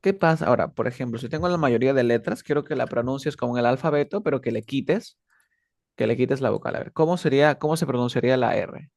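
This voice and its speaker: A man's voice: mid-range voice, quick pace, creaky, a little mellow, dry recording, studio quality. A man teaching an English lesson in a patient, casual way, often checking that he is understood.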